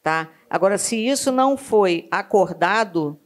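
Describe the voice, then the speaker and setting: Woman, panelist, mid-pitched voice, explanatory, checks in with listener. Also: animated, a little slow. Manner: explanatory, frequent tag questions. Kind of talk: panel discussion.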